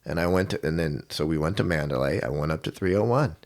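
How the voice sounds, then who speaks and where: A man with a very low, deep voice tells a story as a guest on a podcast. He is a middle-aged coach from Washington state. He slips into other people's lines with sudden jumps in pitch. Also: fast talker. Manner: animated storyteller, acts out quotes with big pitch jumps. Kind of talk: casual storytelling interview.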